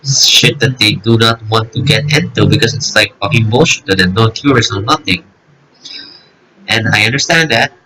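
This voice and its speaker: A man's voice: lowish voice, moderate pace, pushed and bright, slight background noise, low-quality recording. A young man around twenty chatting alone to his camera, rambling and joking at his own expense, swearing freely. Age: 20s. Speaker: YouTuber reacting to videos. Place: alone in a room.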